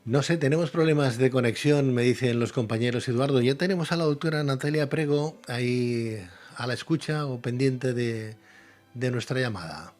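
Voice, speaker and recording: A man's voice: mid-range voice, moderate pace, darkish tone. A man hosting a live online talk show, chatty and rambling, often repeating himself as he speaks. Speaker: host.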